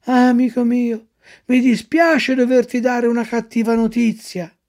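A woman voicing a kindly little female marmot who gently consoles and explains with sympathy. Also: fairly high pitch, fairly even intonation, unhurried, pitched above the performer's own voice. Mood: caring.

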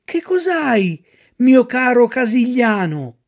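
A woman voicing a kindly little female marmot who gently consoles and explains with sympathy. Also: on the high side, big pitch swings, slow, pitched above the performer's own voice, full character voice. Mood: caring.

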